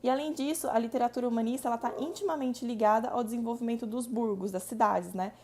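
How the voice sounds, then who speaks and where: A woman with a Brazilian Portuguese accent giving a recorded class, her voice sitting a little high. She explains step by step, restarting phrases and stretching out syllables as she counts them aloud. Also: a little mellow. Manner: explanatory, repeats points, drawn-out syllable counting. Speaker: teacher. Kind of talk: recorded online lesson.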